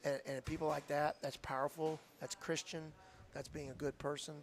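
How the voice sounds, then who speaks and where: A man's voice: a little high, level tone, normal speed. A man, a football coach telling an earnest, heartfelt story in a radio interview. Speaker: high school football coach.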